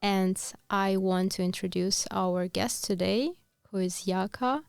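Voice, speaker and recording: Female podcast host, gravelly fry, dry close recording, friendly and plain. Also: mid-range voice, unhurried, dry recording. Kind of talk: podcast interview.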